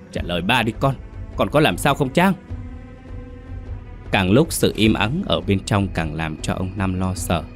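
Man, horror story narrator, low voice, measured delivery, dry close mic, faint background music. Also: dry recording. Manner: calm measured telling, cries out in the father's lines.

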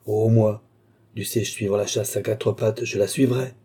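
Man doing a wily flattering old duke. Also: fairly low pitch, a little slow, husky. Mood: sly. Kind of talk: audiobook character voice.

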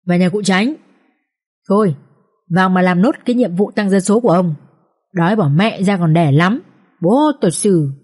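A woman reading an audiobook voices rough village patrolmen who shout and curse gruffly. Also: lowish voice, moderate pace, pauses often.

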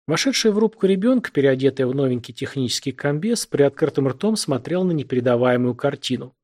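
A male narrator reading science fiction aloud at a mid pitch, steady and measured. The delivery is plain scripted narration. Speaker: audiobook narrator.

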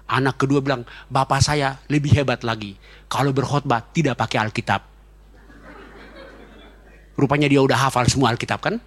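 Male pastor, quick and chatty, jokes through his sermon. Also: medium pitch, steady tone, husky. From Indonesia. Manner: fast-talking, joking, chatty storytelling.

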